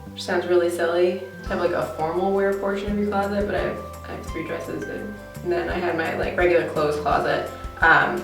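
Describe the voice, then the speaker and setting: A young American woman from Connecticut vlogs to camera in a small, echoey indoor bathroom, her lowish voice sounding far from the mic. She's talky and informal, chatting casually for a tag video.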